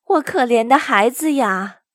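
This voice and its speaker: A woman's voice: medium pitch, very animated, takes it slowly, no room sound, studio quality. A woman voicing a grieving old village woman who wails, scolds and then pleads. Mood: wailing. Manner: wailing and scolding.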